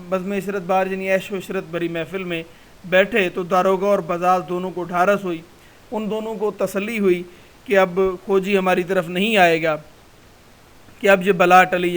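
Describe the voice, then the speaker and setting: A man's voice: high voice, fairly bright tone, rough recording. A man, a college lecturer, reading a passage aloud in a recorded class and explaining it word by word.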